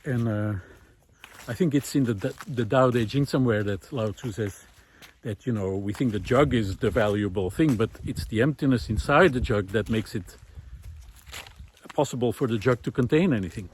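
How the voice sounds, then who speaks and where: For his walking talk series, a man ambles through a village among vineyards, talking to camera in a reflective, unscripted, hesitant way full of trailing asides. His voice is medium-pitched and darkish at a moderate pace, with a little hiss or hum.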